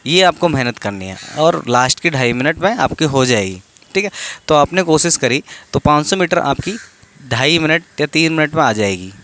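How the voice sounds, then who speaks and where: A man's voice: a little high, fairly bright tone, slight background noise. A young man talking casually, giving practical training advice and often checking in with the listener. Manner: informal, repeats "theek hai", restarts words. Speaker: exam coaching vlogger.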